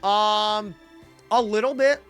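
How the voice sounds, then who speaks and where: A young American woman livestreams a game over its music, chatting casually and playfully in slang as she reacts to the story and her chat. Her voice is medium-pitched and her pace slow.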